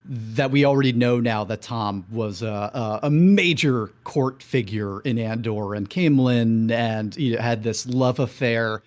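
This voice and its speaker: A man's voice: medium pitch, darkish tone. Man, podcast host, casual chat, analytical, rambling, frequent restarts.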